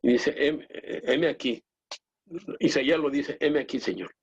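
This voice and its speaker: Male lay preacher, husky voice, halting earnest delivery, muffled lo-fi recording. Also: mid-range voice. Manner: earnest, halting with many restarts, addresses the brethren directly. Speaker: lay pastor. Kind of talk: church teaching talk. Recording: dull lo-fi recording.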